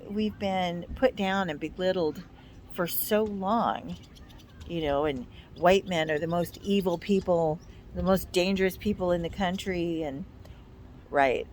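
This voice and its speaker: A woman's voice: on the low side, a little slow, darkish tone, a little hiss or hum. An American woman in her fifties chatting casually and giving blunt, emphatic, complaining opinions. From United States. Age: 50s. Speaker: vlog co-host.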